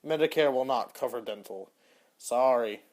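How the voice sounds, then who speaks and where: A man's voice: medium pitch, moderate pace, darkish tone. Young male podcast host, casual and offhand, rambling solo chat, trailing delivery. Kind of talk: casual solo commentary answering search suggestions.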